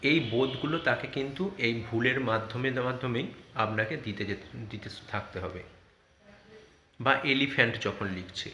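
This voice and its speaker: With a Bengali accent, a man speaks at a normal pace in a medium-pitched voice that is bright and forceful, though the recording is muffled. He is a teacher patiently guiding parents and tutors in an online lesson on checking a child's spelling, spelling out words letter by letter. The room is echoey, with faint background noise.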